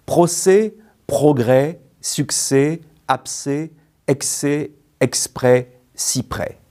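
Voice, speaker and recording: Slow, mellow-voiced man teaching grammar. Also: mid-range voice. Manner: slow, careful, spells out syllables. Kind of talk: scripted lesson narration.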